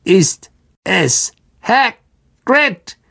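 A man voicing an ancient, blind, irritable male giant spider in a storybook reading, drawing his words out slowly. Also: high voice, big pitch swings, gravelly, pushed and bright, voice pushed up, exaggerated voice. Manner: drawn-out, slow, raised voice.

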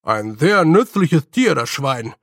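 A man reading an audiobook voices a gang of small, rowdy fairy men who squabble loudly. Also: on the high side, sing-song, takes it slowly, no echo, studio quality, heavily acted. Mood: squabbling. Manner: loud, squabbling. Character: rowdy tiny fairy men, boastful bickering.

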